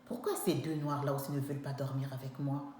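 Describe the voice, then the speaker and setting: A young woman with a low, deep voice tells a story from her own life, emphatic and lively as she acts out each exchange. Her voice rings through a very echoey room, with faint noise in the background. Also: brisk. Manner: animated, emphatic, acts out dialogue. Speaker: vlogger telling a personal story. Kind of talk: personal storytelling monologue.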